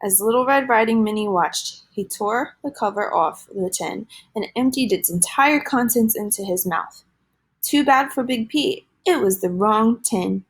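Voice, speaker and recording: A woman reading a children's storybook aloud in a gentle, lively storytelling manner. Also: a little high, slightly rough.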